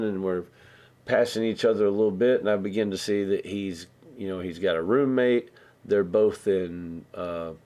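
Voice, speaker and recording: A man's voice: deep voice, warm tone. A man hosting a live stream, telling a long story in a loose, rambling way, with restarts and acted-out bits of dialogue. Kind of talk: casual storytelling.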